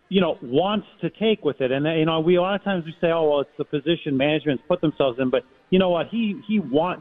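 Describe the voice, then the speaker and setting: Guy calling in to a radio show, thin tinny phone sound, voice a little on the high side, halting, lots of "you know". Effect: heard over a phone line. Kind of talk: casual call-in opinion. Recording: tinny phone-line audio.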